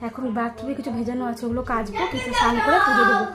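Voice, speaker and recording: Talking very fast in a slightly high voice, a woman narrates her everyday housework for a casual vlog, speaking right to viewers as she moves between kitchen and rooftop. There's heavy background noise.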